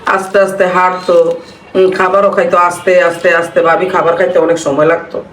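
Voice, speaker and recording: Speaking briskly with little pitch movement, this fairly low-voiced woman from Bangladesh vlogs as she cooks, her chatty reminiscences repetitive and mournful. The audio is roomy, distant and slightly noisy.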